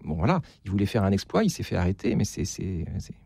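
A man's voice: sits low, big pitch swings, fast, gravelly, darkish tone, no echo. A man being interviewed as an author, speaking hesitantly with many restarts and repeated words. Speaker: author, guest. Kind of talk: interview conversation.

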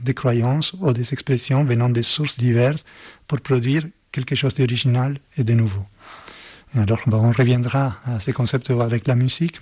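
A man, a composer and performer speaking as a guest in a radio interview, talking slowly and haltingly as he searches for words. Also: medium pitch, warm tone, breathy edge, no room sound. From Argentina.

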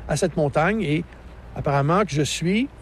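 A man's voice: on the high side, moderate pace, slight background noise. A man in his sixties with a Québécois accent, an enthusiastic park naturalist explaining the landscape outdoors, laughing easily. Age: 60s. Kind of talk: outdoor interview.

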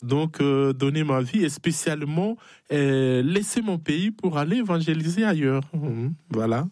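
This missionary priest, a man from the Democratic Republic of the Congo, speaks with a Congolese French accent in a relaxed interview about his personal testimony. His voice sits on the high side, darkish, animated and unhurried; he hesitates and often adds small affirming tags. The studio sound is clean, with no echo.

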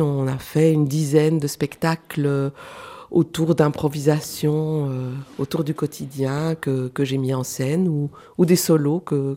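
A woman's voice: low voice, mellow. A middle-aged woman from Switzerland, guest in a radio interview, talking through her work with many fillers and restarts. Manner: hesitant, searching for words with many fillers. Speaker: guest, clown and actress.

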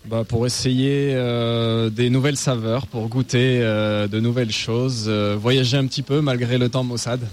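A man, a customer at a food event, answering in a relaxed, thoughtful way with fillers. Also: medium pitch, measured pace, hardly any pauses, a little hiss or hum. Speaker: customer interviewee.

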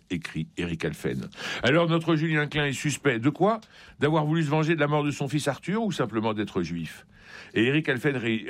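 Low-pitched man, emphatic book critic. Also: dry recording. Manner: emphatic, rhetorical. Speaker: book critic on a radio show. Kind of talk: scripted book review, with quoted passages read aloud. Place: radio studio.

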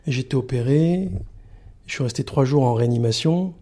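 A middle-aged man from the Paris region, speaking as a guest in a radio interview and pausing often with fillers. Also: medium pitch, mellow. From Paris region, France. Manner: halting, many filler pauses. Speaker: sanctuary communications manager, guest.

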